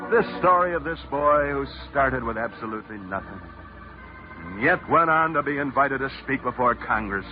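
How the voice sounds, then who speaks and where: A man as a sports broadcaster, telling stories in dramatic 1940s radio newsreel narration with theatrical pitch swings. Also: lively intonation, normal speed. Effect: old radio newsreel broadcast. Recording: muffled old radio recording with loud music.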